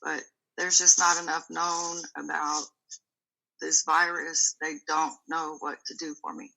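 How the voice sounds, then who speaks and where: A woman giving a candid account of being ill, short of breath, with a tight, swollen-throat voice and halting, emphatic repetition. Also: sits low, little pitch movement, creaky, sharp tone, low-quality recording. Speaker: interview guest. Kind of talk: candid personal account of an illness.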